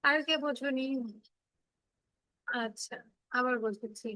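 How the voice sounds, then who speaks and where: Casting: high-voiced woman teacher, patient, keeps checking the kids follow. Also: slow, bright, forceful tone, no room sound. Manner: patient, repeats and checks understanding. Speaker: English teacher. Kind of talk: online kids' class, explaining phonics.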